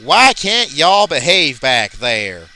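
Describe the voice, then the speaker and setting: A man's voice: a little high, big pitch swings, slow pace, heavily acted. A man doing a cross southern-drawling lady engine. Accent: Southern US, put on. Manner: exasperated, drawling. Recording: loud game noise behind.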